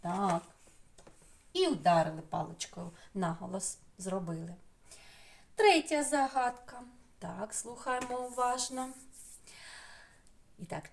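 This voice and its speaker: A woman's voice: mid-range voice, creaky. A woman with a Ukrainian accent teaching young children online, stretching out syllables in a sing-song way. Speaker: preschool teacher.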